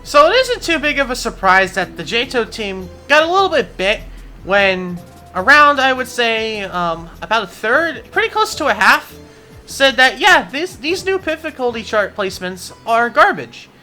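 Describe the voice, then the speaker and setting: A woman's voice: a little high, very animated, normal speed, bright, forceful tone, faint music behind. A woman giving casual commentary in a gaming vlog, amused and sarcastic, often close to laughing. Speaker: gaming video creator.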